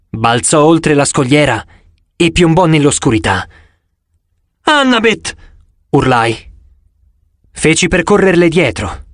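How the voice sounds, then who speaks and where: A male audiobook narrator reading with dramatic, expressive delivery. His voice sits a little high for a man. The recording is close and dry, with no room sound. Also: no room sound. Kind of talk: scripted narration.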